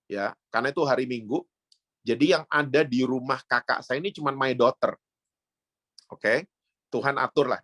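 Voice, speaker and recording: A middle-aged man with an Indonesian accent, preaching a sermon as a pastor and telling family stories, who mixes in English phrases and jumps up high when quoting others. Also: fairly bright tone, no room sound. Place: church sanctuary.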